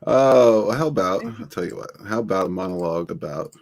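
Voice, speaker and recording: Casting: male podcast host, very low voice with a lively swing, jokey and upbeat. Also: a little fast. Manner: upbeat, joking, laughs often. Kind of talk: casual chat.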